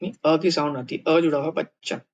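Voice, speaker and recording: A man's voice: fairly high pitch, steady tone, a little fast. A man from India teaching how to write words in a new alphabet, thinking aloud with fillers and restarts. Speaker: language teacher. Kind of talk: explaining a writing lesson.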